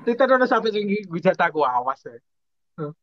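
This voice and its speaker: A man's voice: high-pitched, big pitch swings, brisk, over loud music, a loud crowd. A young man in casual, teasing chat, half-singing song snippets. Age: young adult. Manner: joking, teasing, half-singing snippets, slips between Indonesian and Javanese. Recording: slightly dull lo-fi recording.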